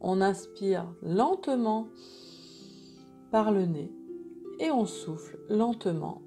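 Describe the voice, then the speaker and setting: Mellow, soothing woman guiding a slow meditation. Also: medium pitch, soft background music. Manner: calm, gentle, unhurried instruction with pauses. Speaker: guided meditation coach.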